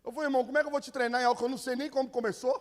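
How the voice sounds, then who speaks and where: A man, a pastor preaching a sermon, telling stories and acting out the people in them. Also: very high voice. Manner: lively storytelling, acting out quoted people. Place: church hall. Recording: long reverb of a church hall.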